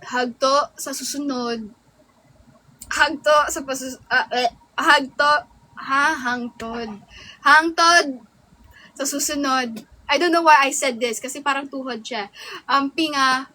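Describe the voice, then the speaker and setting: Bright high-voiced woman streamer. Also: takes it slowly, long pauses, rough recording. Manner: playful, chatty, reacts to viewer comments. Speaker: livestreamer. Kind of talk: casual live-stream chat.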